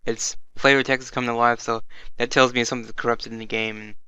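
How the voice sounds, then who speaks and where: A man's voice: mid-range voice, little pitch movement, fast, sharp tone, smooth, no room sound. A man co-hosting an anime review in casual chat, reacting to the plot and laughing often. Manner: chatty, laughs often, quotes characters.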